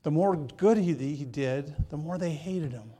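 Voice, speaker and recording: A man's voice: on the high side, unhurried, warm tone, breathy edge. A man from Michigan preaching a sermon as pastor, talking casually with the congregation, joking with listeners and often repeating words as he starts a phrase. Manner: conversational, joking asides to congregation.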